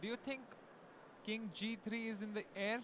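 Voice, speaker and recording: High-voiced Indian man commentating on chess. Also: steady tone, normal speed, background noise. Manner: conversational, explanatory. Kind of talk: live casual sports commentary.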